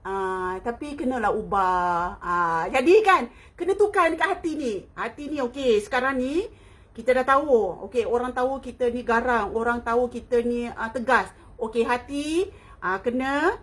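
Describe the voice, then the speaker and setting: A middle-aged Malaysian woman with a high, slightly husky voice hosts a live online chat. She talks easily with viewers and laughs often. She drops English words into her sentences. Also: normal speed, fairly bright tone. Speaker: online talk host.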